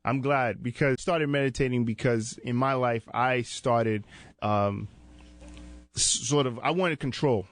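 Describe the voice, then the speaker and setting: A man's voice: mid-range voice, unhurried. A man hosting a casual interview with his students as their youth mentor. He talks in an easygoing, encouraging way and often calls them "man" and "brother.". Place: indoor recording space at a sports arena.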